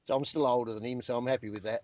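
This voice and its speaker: A man's voice: medium pitch, fairly even intonation, racing, darkish tone. Joking man on a dull line. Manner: crude joking banter. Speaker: guest. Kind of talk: casual chat.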